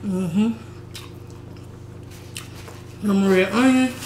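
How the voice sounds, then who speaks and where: A woman's voice: mid-range voice, measured pace, a little mellow, slight background noise. A young woman chatting casually in slang while she eats for her vlog. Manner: slangy, chatty, talks between bites. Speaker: mukbang vlogger. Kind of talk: casual eating vlog chat. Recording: roomy echo.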